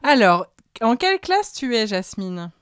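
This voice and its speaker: A woman's voice: a little high, very animated, a little slow, smooth, dry recording. Host: woman, encouraging and chatty, resonant voice, dry close mic. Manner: bright, encouraging, rambling. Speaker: children's show host. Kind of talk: casual chat with a child.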